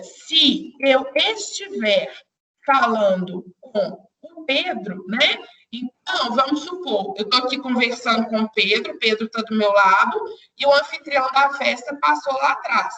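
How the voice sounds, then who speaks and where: A woman's voice: high voice, pushed and bright, recorded from a distance, low-quality recording. A young woman teaching a grammar lesson online, explaining step by step and speaking straight to her students.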